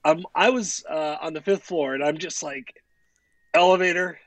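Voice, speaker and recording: Male sports podcaster, fairly high voice, dry close sound, rambling and salty. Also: moderate pace, dry recording. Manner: rambling, profane, animated storytelling. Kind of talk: casual chat.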